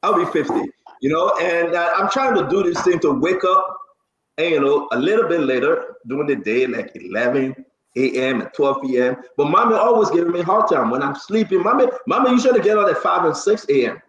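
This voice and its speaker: Fairly quick and lively in intonation, this fairly high, fairly bright male voice belongs to a Liberian talk-show host in his 40s. He chats casually and animatedly, repeating phrases to stress them, and the echoey room leaves the sound slightly dull.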